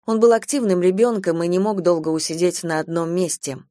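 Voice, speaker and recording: A woman narrating an audiobook in the first person with an even, measured delivery. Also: lowish voice, no room sound, clean studio sound.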